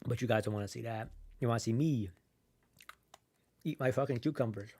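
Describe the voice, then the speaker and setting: A man's voice: mid-range voice, a little fast, darkish tone. A man streaming live from his computer, chatting casually while he eats, rambling and swearing with lots of "like" and restarts. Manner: rambling, profane, full of "like" and restarts; chews and munches while talking.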